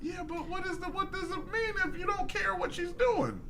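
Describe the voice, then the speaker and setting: A man's voice: very high voice, moderate pace, sharp tone, a little hiss or hum. A man co-hosting a comedy podcast, riffing animatedly and laughing through his jokes. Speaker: podcast co-host. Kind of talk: casual comedic banter.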